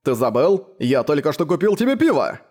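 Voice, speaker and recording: A loud, cocky biker full of swagger, as a male reader puts him on. He mocks and boasts, pitched well above the reader's own voice. His speech is quick and brash. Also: very animated. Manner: swaggering, mocking, indignant.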